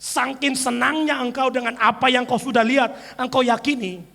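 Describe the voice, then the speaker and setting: A male pastor preaching an energetic sermon, swinging between shouted declarations and soft mimicking asides. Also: extremely high pitch, moderate pace, vocal fry. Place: church sanctuary. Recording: church hall with long reverb.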